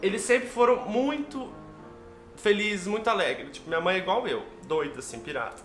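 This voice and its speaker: A man's voice: high voice, animated, moderate pace, fairly bright tone. A young man with a Brazilian Portuguese accent, telling a personal story to his viewers in a heartfelt, emotional way. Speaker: vlogger. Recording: echoey room with background music.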